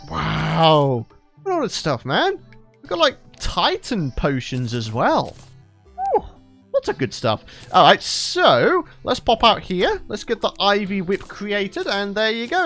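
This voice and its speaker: This is a high-pitched, somewhat bright male voice belonging to a young regular gaming channel host. Recording late at night has left him sounding tired, yet he talks to his viewers in a chatty, upbeat way and laughs a lot as he plays through a let's play.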